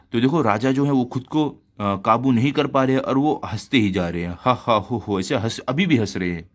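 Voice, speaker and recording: A man teaching a children's lesson in Hindi. He reads each line of the story slowly. Then he explains it word by word for young pupils. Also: medium pitch.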